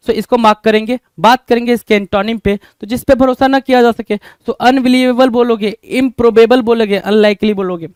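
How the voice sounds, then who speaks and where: A man's voice: very high-pitched, steady tone, a little fast, hardly any pauses, clean tone, dry recording. A man teaching an exam-prep vocabulary lesson, repeating each question back to his students.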